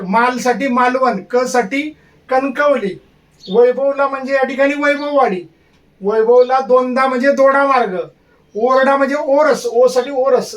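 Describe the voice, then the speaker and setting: A man teaching an exam-prep lesson, repeating memory tricks slowly and asking and answering his own questions. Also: very high-pitched, far from the mic. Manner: repeats mnemonics slowly, asks and answers himself.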